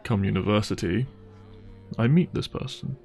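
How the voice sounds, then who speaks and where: Playing a wealthy young boyfriend in an audio roleplay, a man speaks soft and close at a moderate pace, his low voice carrying a noticeable fry over faint music. He's earnest and explaining, gentle and a bit hesitant, apologizing and reassuring with care.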